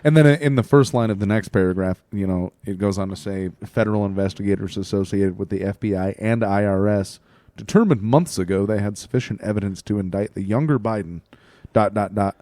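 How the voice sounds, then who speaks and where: Blunt Midwestern man, low voice. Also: fairly quick, hardly any pauses, warm tone, no room sound. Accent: American Midwest. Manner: blunt, interjecting, slangy. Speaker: podcast co-host. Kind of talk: casual political chat.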